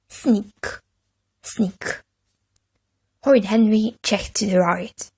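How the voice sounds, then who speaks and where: A woman narrating a children's storybook with an expressive, dramatic reading. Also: medium pitch, vocal fry, husky.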